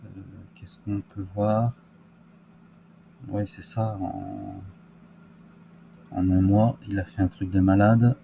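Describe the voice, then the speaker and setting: A man's voice: fairly low pitch, animated, slow, gravelly, pauses often, dull audio, noisy background. A man giving casual crypto market commentary, hesitant with many fillers and restarts. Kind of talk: casual screen-share market analysis.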